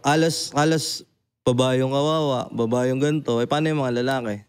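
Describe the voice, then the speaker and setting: A young adult man hosting a casual podcast chat, animated and blunt, swearing freely and often asking "di ba?". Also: mid-range voice, brisk, clear, resonant tone. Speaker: podcast host.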